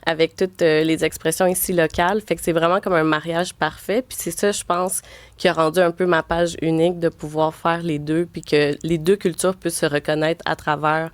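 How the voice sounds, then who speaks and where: A woman, chatting relaxed and friendly as a radio guest. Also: sits low, moderate pace, no room sound. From Venezuela. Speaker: guest content creator. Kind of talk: casual radio interview.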